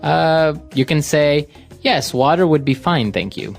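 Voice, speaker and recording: A man from Ecuador co-hosting an English lesson podcast, explaining vocabulary calmly and steadily. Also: on the high side, measured pace, gravelly, faint music behind. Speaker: co-host.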